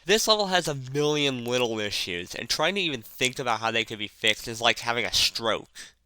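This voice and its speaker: A man's voice: medium pitch, expressive, moderate pace, pushed and bright, clear, resonant tone, no echo, rough recording. Lisping man with oddly placed emphasis. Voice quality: lisp. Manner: puts odd emphasis on random words; casual, profane, sardonic. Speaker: video narrator and reviewer. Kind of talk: casual scripted video essay commentary. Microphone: cheap headset mic.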